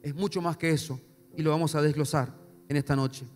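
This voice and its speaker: A male pastor preaching a sermon, swinging between soft low asides and loud emphatic repetition. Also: steady tone, fairly quick. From Paraguay. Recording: long hall reverb with faint music.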